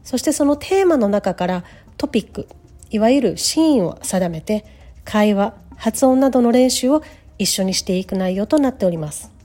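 A woman hosting a podcast English lesson, modeling pronunciation slowly and repeating words. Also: on the high side, warm tone. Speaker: English teacher. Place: lives in Canada.

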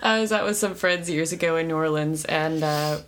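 A woman co-hosting a podcast, telling stories in a casual, animated, chatty way. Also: deep voice, fairly quick, a little hiss or hum. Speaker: podcast co-host. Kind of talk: casual chat.

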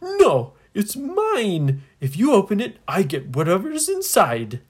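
A woman's voice: deep voice, very animated, drawn-out words, full character voice. A woman voicing a self-pitying, greedy male sea captain who whines and wails in a children's story. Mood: possessive. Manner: wailing, whining.

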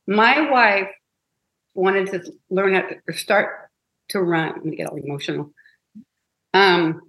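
A woman guest telling stories in an interview, animated and emotional, with many restarts. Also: medium pitch. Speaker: guest, advertising copywriter. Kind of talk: interview storytelling. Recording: roomy echo.

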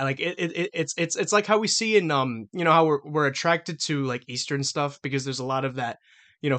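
This podcast co-host has a medium, slightly bright voice. He's argumentative and emphatic in a casual debate, rambling along with plenty of fillers and curse words.

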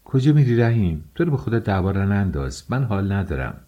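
A man's voice: lowish voice, big pitch swings, highs cut off. A man reading an audiobook, voicing an anxious young wife who pleads hesitantly. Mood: pleading.

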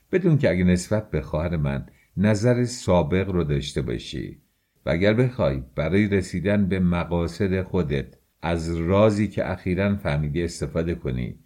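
A man's voice: low-pitched, mellow, heavily acted. A male audiobook reader voicing a tense, brooding young man who speaks bluntly and urgently, with threats in his voice.

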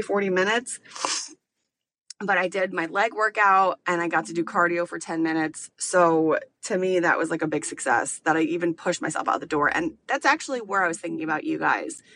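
A late-thirties podcast host talks through a relaxed solo monologue, candid and rambling with many fillers. Her voice is fairly low in pitch and fairly bright, and there's a little hiss or hum in the recording.

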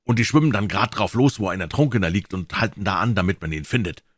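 A man's voice: fairly low pitch, lively intonation, fast, dry recording, studio quality. A man reading aloud, voicing a scruffy, superstitious boy who tells tales anxiously in a storybook.

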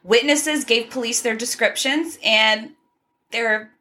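Co-hosting a casual true crime podcast, this woman speaks slowly in a slightly high, bright voice with a forceful edge. She reads through the case details conversationally, dropping in asides and laughing.

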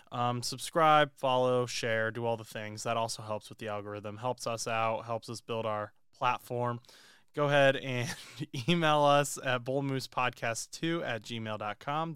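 Young man, smooth casual podcast co-host. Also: mid-range voice, no room sound, studio quality. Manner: joking, chatty, relaxed. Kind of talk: casual chat.

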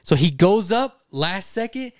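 Young male podcast co-host, slightly high voice, animated storyteller, salty language, dry close sound. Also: unhurried, dry recording. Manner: animated, swears freely, acts out voices in his story.

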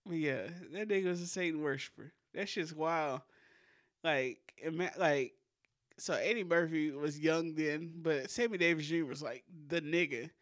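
A man's voice: on the high side, normal speed, a bit bright, no room sound, clean studio sound. A man co-hosting a podcast, chatting casually and laughing often while telling loose stories. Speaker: podcast co-host. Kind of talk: casual chat.

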